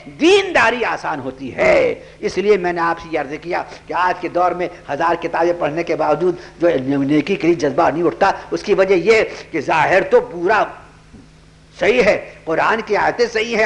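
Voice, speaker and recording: A man's voice: high voice, gravelly, fairly bright tone. A man preaching a sermon, telling a story with acted dialogue and rising into fervent prayer.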